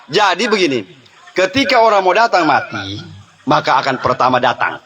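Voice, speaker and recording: A man's voice: a little high, animated, moderate pace, crowd noise. A middle-aged male preacher giving a humorous sermon, telling stories, laughing often and talking straight to the congregation. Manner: storytelling, laughing often, addressing the congregation directly.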